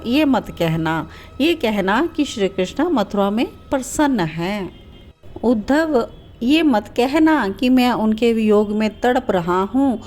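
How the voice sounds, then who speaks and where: A tender, tearful young god Krishna, as a woman storyteller puts him on, pleading in a slow, heartfelt voice. The reading is unhurried, with soft music playing behind. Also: on the high side.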